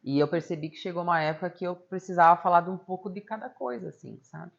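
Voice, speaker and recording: A woman's voice: fairly low pitch, quick pace, gravelly, dull audio. A woman psychologist with a Brazilian Portuguese accent, a guest in a casual interview, who talks expressively and acts out the people in her stories.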